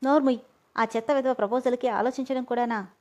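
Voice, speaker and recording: A fiery, sharp-tongued young woman, as a woman storyteller reads her. She snaps back indignantly in a fairly high voice. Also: fairly even intonation, quick pace, close to an everyday voice. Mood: angry. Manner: indignant, snapping.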